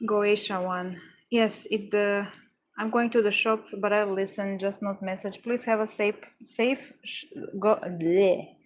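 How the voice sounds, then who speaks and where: A woman's voice: medium pitch, steady tone, a little slow. A young adult woman livestreaming, chatting casually with her viewers in a gushing, exclamatory way, often stumbling and restarting her words. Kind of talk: casual chat with live viewers.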